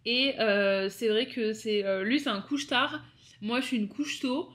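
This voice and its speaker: A young woman from France talks casually to her viewers from her apartment at night. Her voice sits a little high, and she drifts from point to point with many fillers and restarts. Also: moderate pace, a bit bright. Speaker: vlogger. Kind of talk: casual chat to camera.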